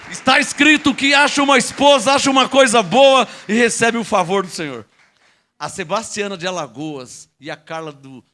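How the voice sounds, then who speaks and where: A man with a Brazilian Portuguese accent preaching a lively sermon in church, joking with the congregation one moment and shouting proclamations the next. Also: extremely high pitch. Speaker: pastor.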